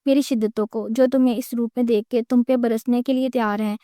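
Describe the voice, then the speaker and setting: A woman's voice: a little high, fairly even intonation, dark tone, dry recording, clean studio sound, natural voice. A woman voicing a stern, possessive young husband in a romance story, speaking harshly.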